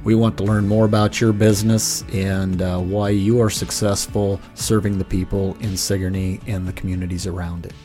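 A man's voice: low-pitched, flat delivery, moderate pace, hardly any pauses, mellow, faint music behind. A man hosting a conversational podcast interview, asking questions and giving frequent encouraging affirmations. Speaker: insurance agent, podcast host.

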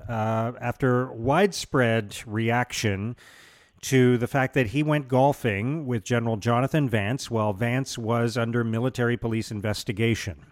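A man hosting a morning radio interview in a studio, introducing stories in a measured way with frequent ums and uhs. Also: medium pitch, dry recording. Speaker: radio host.

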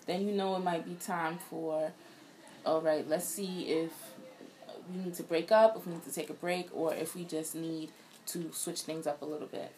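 A young woman co-hosting a podcast, giving relaxed, thoughtful relationship views in casual chat. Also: low-pitched, moderate pace, a little hiss or hum. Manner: relaxed, reflective advice-giving. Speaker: podcast co-host.

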